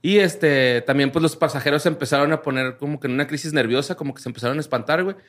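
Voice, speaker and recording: A man's voice: fairly high pitch, racing, fairly bright tone. A man with a Mexican accent hosting a casual podcast, reading strange news stories aloud in a slangy, laid-back way. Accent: Mexican Spanish.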